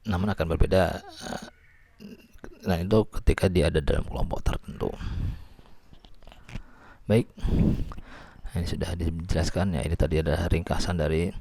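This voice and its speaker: A man's voice: low-pitched, steady tone, moderate pace, vocal fry, pauses often, warm tone. A man lecturing on linguistics, explaining patiently and often restarting or repeating words. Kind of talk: recorded lecture.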